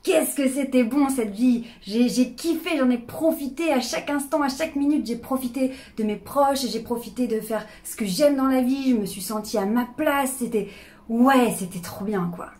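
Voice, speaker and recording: A woman's voice: high voice, normal speed, darkish tone. A woman in her thirties speaking candidly to camera, with fillers and restarts, about her own life. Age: 30s. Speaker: personal development YouTuber. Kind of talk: casual talk to camera.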